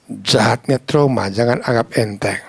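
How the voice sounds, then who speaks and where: A man preaching a sermon, telling stories in a lively, casual, slangy way and acting out the voices of the people in them. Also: medium pitch, moderate pace, vocal fry, breathy edge, no echo. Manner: animated, acts out quoted voices.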